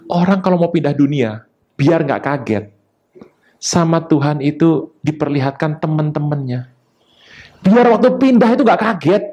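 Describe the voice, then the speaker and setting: A man preaching a sermon, talking in a lively way with sudden high emphatic rises and quick asides. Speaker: pastor.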